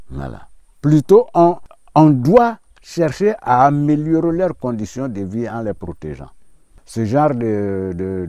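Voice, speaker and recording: Man, middle-aged, deep mellow voice, halting interview answers, dry close sound. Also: no echo. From Ivory Coast. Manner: hesitant, many fillers and restarts. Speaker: park ranger and safari guide.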